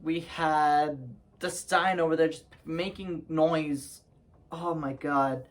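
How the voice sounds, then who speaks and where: A man's voice: a little high, fairly even intonation, slow pace. A young man telling a story to camera in a casual, rambling way, with lots of ums and restarts. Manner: rambling, lots of fillers and restarts, laughs at himself.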